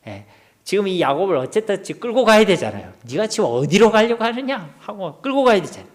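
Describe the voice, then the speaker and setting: A man's voice: sits high, sing-song, a little fast. A middle-aged male pastor with a Gyeongsang Korean accent, preaching an expository sermon in a church hall. He asks the congregation questions and drops to near-whispers.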